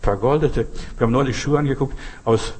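A man preaching a sermon, speaking emphatically and straight to his listeners, often repeating his key phrases and ending in a quiet prayer. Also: medium pitch, brisk, a little hiss or hum.

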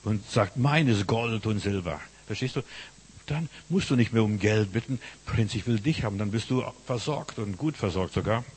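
A man's voice: on the low side, moderate pace, breathy edge. A man preaching a sermon, telling stories with emphatic, repeated phrases. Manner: voices characters loudly in stories. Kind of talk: sermon with storytelling.

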